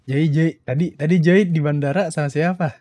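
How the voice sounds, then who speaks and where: A man hosting his game roleplay stream, making slow, puzzled remarks. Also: fairly high pitch, fairly even intonation, dark tone, no room sound. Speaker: streamer host. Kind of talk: casual roleplay banter.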